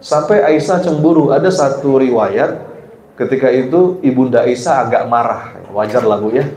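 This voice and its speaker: Mellow-voiced preacher in an echoey hall. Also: male voice, mid-range voice. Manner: often turns to the women listening and asks them questions; soft and slow in reflective passages. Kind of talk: conversational sermon. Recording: roomy hall with faint ambience.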